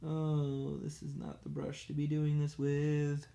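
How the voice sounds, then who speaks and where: A man's voice: a little high, completely flat delivery, takes it slowly, creaky, mellow. A man casually chatting on a livestream while painting miniatures, rambling and self-deprecating as he works. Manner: talks absent-mindedly while working with a brush.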